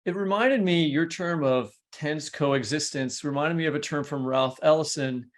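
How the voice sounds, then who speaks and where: A male podcast host with a fairly high voice speaks at a normal pace, conducting an interview conversationally as he works through long, discursive questions.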